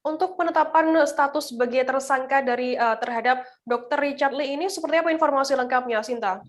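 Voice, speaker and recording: A woman anchoring a news bulletin, reading the script in a crisp, measured way and putting questions to a field reporter. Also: high-pitched.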